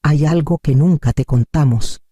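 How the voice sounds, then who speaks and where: A man reading the lines of an anxious grown daughter in a soft, hesitant way. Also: fairly high pitch, normal speed, husky, no echo.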